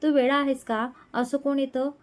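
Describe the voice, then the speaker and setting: A woman's voice: sits high, flat delivery, normal speed, natural voice. A woman voicing a young bride-to-be, flustered and fondly scolding the man she is falling for.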